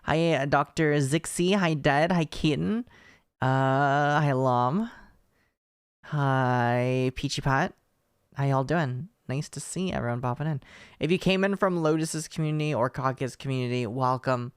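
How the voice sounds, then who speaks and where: Androgynous streamer chatting to viewers, smooth voice, kinda excited and rambly, really dry close mic. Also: medium pitch, unhurried, no room sound. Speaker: livestream host. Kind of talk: casual livestream chat with viewers.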